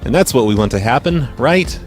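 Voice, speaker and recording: A man with a middling-pitched voice talks in a casual, deadpan way, as a prank caller and podcast host would. He sounds mock-earnest, stating silly things as if they were perfectly serious. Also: fairly quick, faint music behind.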